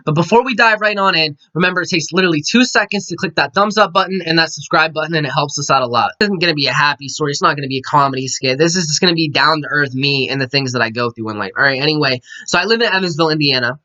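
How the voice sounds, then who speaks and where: A man's voice: a little high, rapid-fire, few pauses, bright, forceful tone. A young man venting frustration in a casual to-camera story, often tagging sentences with "right?" and "like". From Pennsylvania. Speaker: vlogger. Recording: dull lo-fi sound.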